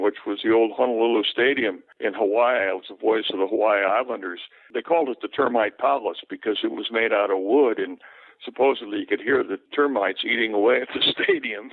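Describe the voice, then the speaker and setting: An older man, a sportscaster, telling relaxed anecdotes in an interview. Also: fairly low pitch, no room sound. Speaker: sportscaster guest. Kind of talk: storytelling interview. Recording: tinny phone-line sound.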